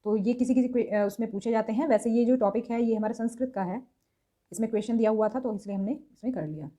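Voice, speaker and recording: A woman's voice: a little high, fast, dark tone. A young woman teaching an exam-prep grammar lesson, explaining step by step and sounding out letters aloud. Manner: explanatory, repeats sounds aloud, mixes in English terms.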